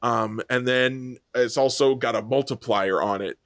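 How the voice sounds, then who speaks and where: A man's voice: medium pitch, unhurried, vocal fry, a bit bright, dry recording, clean studio sound. A man co-hosting a sports podcast, explaining things in a rambling casual way with many ums and restarts. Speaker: podcast co-host. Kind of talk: casual chat.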